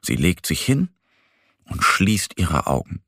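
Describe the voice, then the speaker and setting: A man narrating a children's bedtime story in a slow, gentle, expressive way. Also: deep voice, vocal fry, no room sound, studio quality.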